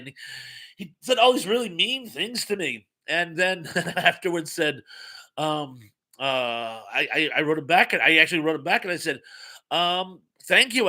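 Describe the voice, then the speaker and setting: In a fairly high, pushed, bright voice, a man hosts a casual livestream, reading viewer comments aloud and rambling with wry asides. He's losing his voice, and it sounds worn out.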